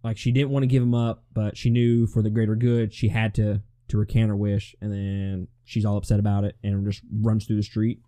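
A man co-hosting a casual movie review chat, relaxed and opinionated, often restarting his sentences. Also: lowish voice, fairly quick, few pauses, no room sound.

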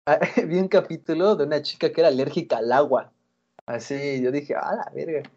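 Mexican man, co-host, breathy husky tone, casual slang-filled banter. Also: a little high, fairly quick. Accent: Mexican Spanish. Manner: animated storyteller, laughs, slangy. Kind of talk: casual chat. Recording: lo-fi recording.

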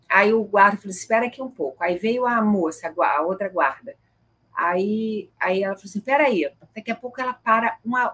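A middle-aged woman tells stories in casual conversation. Her voice is husky with a slightly breathy edge. She is animated and acts out the people she quotes. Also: a little high. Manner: animated, retells scenes with quoted dialogue. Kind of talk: conversational storytelling.

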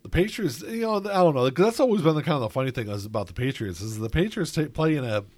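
A man's voice: a little high, expressive, fast talker, darkish tone, no room sound. A man hosting a casual chat, rambling with lots of filler words.

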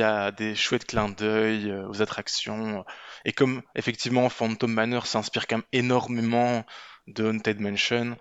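A man's voice: mid-range voice, fairly bright tone, smooth, dry recording, highs cut off. A man joining a podcast as a guest, explaining things casually. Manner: explanatory, informed.

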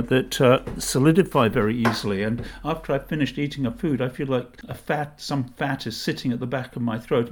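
A man giving a live online lecture over a video call, talking conversationally with frequent fillers and restarts. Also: mid-range voice.

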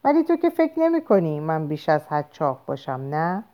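A woman's voice: low voice, very animated, lo-fi sound. A woman reading a storybook aloud, voicing a carefree, easily anxious young woman who pleads in a raised voice. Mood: coaxing.

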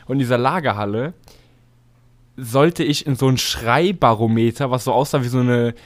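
A young man co-hosting a casual podcast, telling stories in a slangy, animated way with many fillers. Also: mid-range voice, moderate pace. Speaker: podcast co-host. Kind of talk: casual chat.

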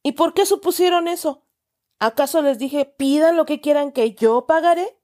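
A woman voicing a stern, pompous middle-aged uncle who loudly lectures children with exaggerated indignation. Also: high voice, normal speed, voice pushed up, natural voice. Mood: scolding. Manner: loud, scolding, exaggerated indignation.

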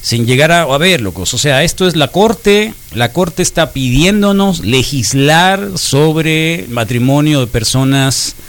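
A man's voice: fairly high pitch, expressive, measured pace, few pauses, a bit bright. A middle-aged man hosting a casual morning talk show, joking and teasing his co-hosts. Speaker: host. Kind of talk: casual chat.

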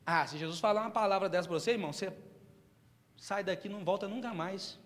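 A Brazilian man preaching a sermon as pastor in a church, emphatic and building to loud passages. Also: high voice, quick pace. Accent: Brazilian Portuguese. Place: church hall. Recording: long hall reverb.

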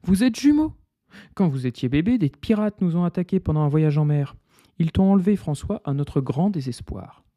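A man's voice: animated, fairly quick, dark tone, no echo, natural voice. A man voicing a stern but loving elderly queen mother in a storybook reading. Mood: emotional. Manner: high cries.

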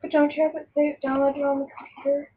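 A young woman chatting casually with a friend at home, whiny and pleading in quick bursts, on a dull lo-fi recording. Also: high voice, monotone.

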